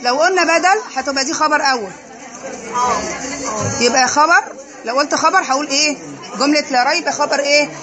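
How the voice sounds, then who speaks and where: A woman's voice: sits high, a little fast, pauses often, a crowd in the background. A woman teacher with an Egyptian accent giving a classroom lesson, posing questions and answering them herself. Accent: Egyptian Arabic.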